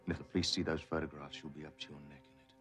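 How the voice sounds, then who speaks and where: Very deep-voiced, cold, defiant man. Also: level tone, rapid-fire, loud music behind the voice. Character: cold, defiant, controlled man rejecting a blackmailing lover. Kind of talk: television soap drama acting.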